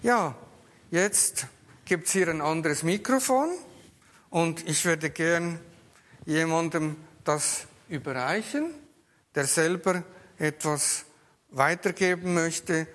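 A man leading a church service, praying and then inviting a speaker forward, in a measured, earnest way. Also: a little high, a bit bright, in a large hall. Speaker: pastor or service leader. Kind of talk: prayer and service moderation.

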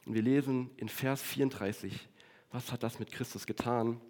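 A man preaching a sermon to his congregation, earnest, stretching key words slowly and dropping to a quiet voice on solemn lines. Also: mid-range voice, steady tone. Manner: addresses the congregation directly.

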